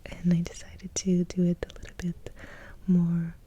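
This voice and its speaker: A young adult Russian woman, an ASMR creator, answers viewer questions in a soft-spoken video, using a hushed, breathy half-whisper very close to a sensitive mic. Her voice is fairly low, monotone, and a little slow.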